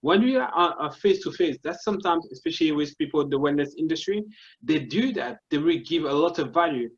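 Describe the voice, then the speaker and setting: A fairly high, animated male voice moves a little fast over dull-sounding audio. Speaking with a Congolese French accent, this marketing consultant guest earnestly explains his ideas step by step in a casual interview, repeatedly restarting his sentences.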